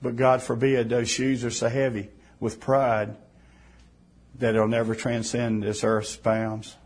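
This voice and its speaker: A man preaching a sermon in a fervent way, rising to emphatic bursts and then dropping soft. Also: mid-range voice, little pitch movement, unhurried.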